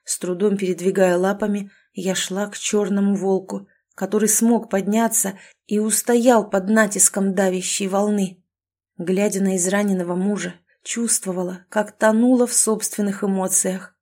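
A woman narrates a first-person fantasy story with an intense, expressive delivery. Her voice is mellow and warm, sitting at an ordinary pitch for a woman. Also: normal speed. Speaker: audiobook narrator.

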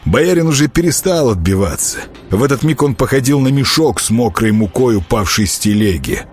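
A man narrating an audiobook in an expressive storytelling manner. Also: medium pitch, a little fast, a little hiss or hum. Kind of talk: scripted narration.

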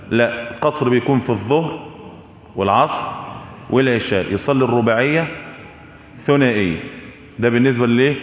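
A man with an Egyptian accent teaching a religious law lesson. He asks the audience questions, answers them himself, and repeats his key points. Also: medium pitch. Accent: Egyptian Arabic. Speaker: Islamic jurisprudence teacher. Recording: echoey hall with long reverb.

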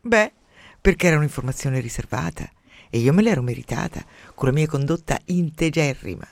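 A man's voice: a little high, animated, brisk, creaky. A man voicing a spiteful, boastful dying old woman who sneers and gloats, in a radio story reading. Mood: gloating.

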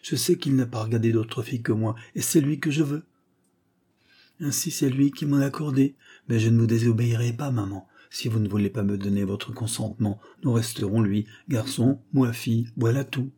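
A man reading aloud, voicing a young farm heiress who speaks softly but firmly. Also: mid-range voice, moderate pace, slightly rough, close to an everyday voice. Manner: soft-spoken, firm.

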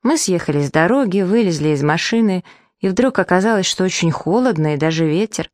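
A woman narrating a children's audiobook in the first person, lively and acting out the dialogue. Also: on the low side, a little fast, no room sound, studio quality. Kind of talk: children's story reading.

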